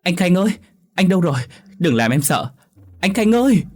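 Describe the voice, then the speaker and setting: A man voicing a young pregnant woman, frightened and crying out for her missing husband, with a husky voice. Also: level tone, normal speed, darkish tone, close to an everyday voice. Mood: panicked. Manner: crying out in high strained pleas.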